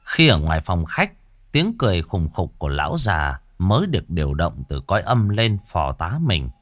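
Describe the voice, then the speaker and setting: A man telling a horror story in a dramatic, animated way. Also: deep voice, normal speed, dry recording, studio quality.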